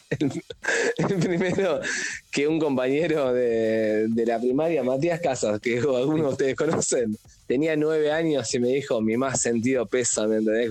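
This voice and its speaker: A man's voice: mid-range voice, darkish tone, no room sound. Wry Argentine man in casual chat. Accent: Argentine Rioplatense. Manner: wry, mock-formal phrasing.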